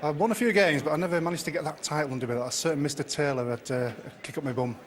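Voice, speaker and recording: A man talking as a darts pundit in relaxed studio chat, rambling with fillers. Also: fairly high pitch, rapid-fire.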